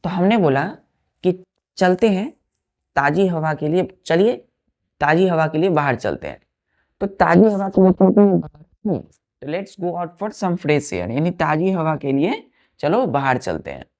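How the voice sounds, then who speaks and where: A woman teaching a vocabulary lesson, repeating words slowly and checking that the children follow, with an Indian English accent on the English words. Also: fairly low pitch, sing-song, darkish tone. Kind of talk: vocabulary lesson, explaining word by word.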